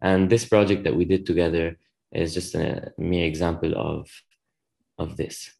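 A young man from Lebanon speaks as a guest in a podcast interview, earnest and measured. His voice sits very low with a gravelly edge. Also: flat delivery, a little mellow, rough recording. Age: 20s. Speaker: medical student guest.

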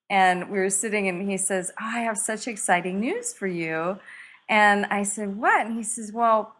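A middle-aged woman author, guest in a conversation, telling a story and acting out quoted lines with laughter. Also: lowish voice. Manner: animated, acts out quotes with laughter.

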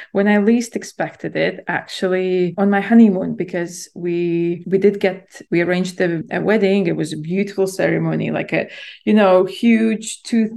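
A woman in her thirties who grew up in Latvia tells her own story as a podcast guest. Her voice sits a bit low with a noticeable gravelly edge. She talks reflectively, circling back with fillers as she remembers. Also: darkish tone. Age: 30s. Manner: reflective, many fillers and restarts. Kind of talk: conversational storytelling.

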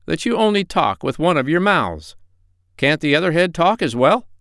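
Man putting on a bossy high-pitched duck. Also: big pitch swings, normal speed, a bit bright, no echo, clean studio sound. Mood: curious. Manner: nagging, exclamatory. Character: bossy, practical, scolding female duck.

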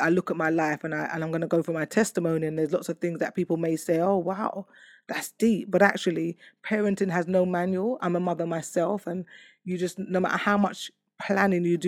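Speaking in a loud voice that sits on the low side, an adult woman shares her personal testimony. She's candid and reflective, often using fillers and starting over. The studio sound is clean, with no echo.

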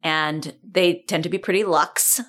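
A woman's voice: fairly low pitch, a little slow. A woman co-hosting a casual podcast as a youth coach, telling stories with lots of laughter and playful quoted voices. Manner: animated storyteller, quotes others in exaggerated voices, laughs often.

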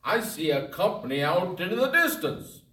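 A man voicing a watchman with a very high voice, reporting riders from the wall. He sounds set back from the mic in an echoey room, in an audio drama. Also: sing-song, moderate pace. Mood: watchful. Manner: reporting what he sees. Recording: roomy, distant from the mic.

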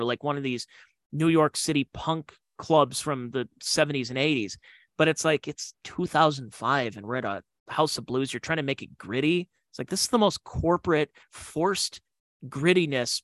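A man's voice: fairly high pitch, a bit bright, no room sound. A man hosting a podcast, telling comedy club stories in a rambling, digressive way with slangy asides. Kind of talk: casual storytelling.

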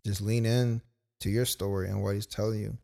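A young man's lowish, gravelly voice carries a warm tone as he briskly tells a story from his own life as a podcast co-host. His delivery is flat, and his laid-back storytelling is full of "like"s and quoted asides.

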